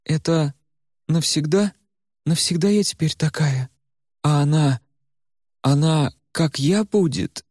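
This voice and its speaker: Guy putting on a high strained voice, desperate girl stuck as an old woman, dry sound. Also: slow, long pauses, a little mellow, no room sound. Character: frantic young woman in a withered old body. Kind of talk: audiobook character voice.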